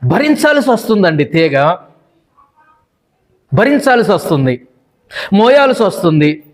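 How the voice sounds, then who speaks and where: A man's voice: high-pitched, big pitch swings, unhurried. A middle-aged male pastor preaching a sermon, driving his points home with long repeated lists and acting out the complaints of wives.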